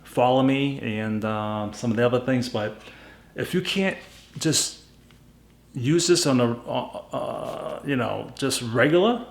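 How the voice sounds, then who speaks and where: A man's voice: mid-range voice, slow pace, vocal fry, reverberant. A man from New England with a Boston accent gives a casual, unscripted product review, plainspoken and emphatic, repeating himself for stress. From New England, USA. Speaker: YouTube gadget reviewer.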